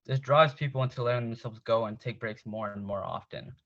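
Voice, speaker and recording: A man's voice: medium pitch, fairly quick, a bit bright, muffled recording. A man presenting slides over a video call, his audio choppy and cutting in and out as he reads from a script. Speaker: student presenter.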